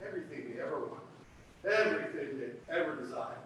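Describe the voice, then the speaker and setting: Guy doing a slow deadpan joke guy, high swingy voice, far away echoey stage sound. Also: slight background noise. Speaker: stage actor telling bar jokes. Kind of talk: live stage comedy acting. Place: theater stage.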